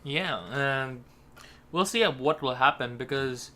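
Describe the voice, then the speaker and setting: Guy doing color commentary on a game match, sharp bright voice, jokey and talkative. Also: mid-range voice, takes it slowly. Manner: chatty, teasing analyst. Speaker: esports co-caster.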